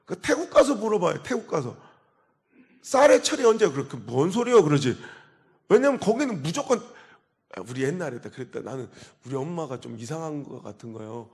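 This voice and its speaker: A man in his forties, a pastor preaching a revival sermon, telling stories with sudden loud outbursts and quiet asides. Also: a little high, very animated, a little fast. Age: 40s.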